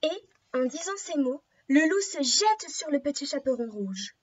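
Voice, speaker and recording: Slow high-voiced woman reading to children. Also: sing-song. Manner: slow, gentle, stops to explain words and ask children questions. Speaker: preschool teacher. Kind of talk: story read aloud to young children. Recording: slightly dull lo-fi recording.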